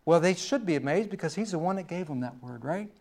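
A man's voice: a little high, animated, fast, a little mellow. A middle-aged man preaching a sermon in a folksy storytelling way, with personal asides.

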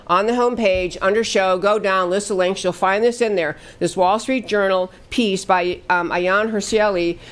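A middle-aged woman hosting a political talk show, delivering emphatic, indignant commentary that repeats its points. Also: medium pitch.

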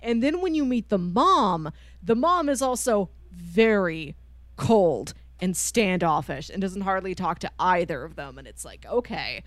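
A woman with a voice on the low side, animated and measured in pace, co-hosts a manga discussion show. In this casual book talk full of spoilers, she retells a story chattily and performs the characters' lines. The recording has no echo.

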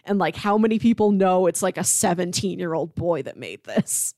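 A woman's lowish voice, at a moderate pace, comes through on a dry, clean studio recording as she co-hosts a casual podcast reviewing TV. She's animated and conversational, with "like" cropping up often.

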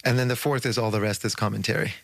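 A man's voice: on the low side, steady tone, fast, vocal fry, no room sound. A male radio guest explaining ideas fluently and at length, with occasional fillers. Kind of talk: radio interview.

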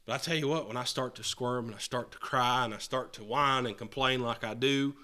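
A man preaching a sermon to a congregation. He talks earnestly, repeats and restarts phrases, and swings between loud and soft. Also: mid-range voice, steady tone, fairly quick. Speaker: pastor. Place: church hall with a congregation answering.

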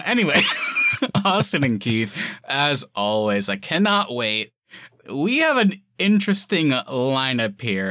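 A man's voice: medium pitch, pushed and bright, no echo, studio quality. A man hosting a casual film review chat, talking in an informal, enthusiastic way. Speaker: podcast host.

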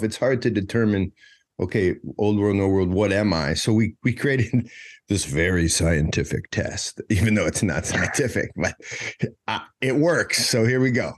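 A man with a slightly deep voice hosts a casual interview. He speaks in a halting, conversational way, working out his phrasing as he goes. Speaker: podcast host.

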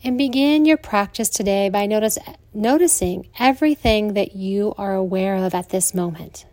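An American woman leads a guided relaxation in the manner of a sleep story narrator. Her mid-pitched voice is slow and soothing, with long pauses between phrases. The sound is dry, with hardly any echo. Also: a little mellow. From lives in southern Colorado, United States. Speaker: yoga nidra teacher.

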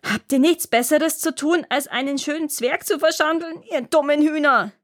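A woman voicing a grumpy little old male dwarf in a storybook reading, snapping insults and shouting. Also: a little high, normal speed, lightly acted. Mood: furious, shouting.

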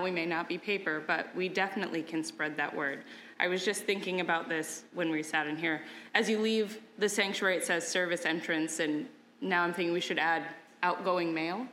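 A woman's voice: fairly low pitch, moderate pace, fairly bright tone, a little hiss or hum. A woman giving an informal, conversational children's sermon, explaining things simply. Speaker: children's message speaker.

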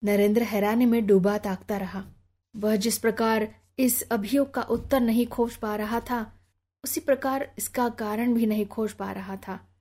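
A woman narrating a novel as an audiobook, with an even, literary reading. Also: a little high, unhurried. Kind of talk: scripted narration.

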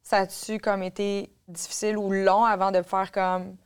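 A woman's voice: mid-range voice, level tone, moderate pace, clear, resonant tone. A woman, hosting a podcast and asking long, attentive questions. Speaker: podcast host. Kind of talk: interviewing on a podcast.

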